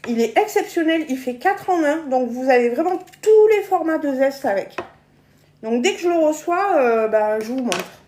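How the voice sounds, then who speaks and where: A woman's voice: sits high, lively intonation, moderate pace, darkish tone, reverberant, a little hiss or hum. A woman hosting a live cooking demonstration from her home kitchen, chatting casually, stumbling over and repeating words, and laughing often.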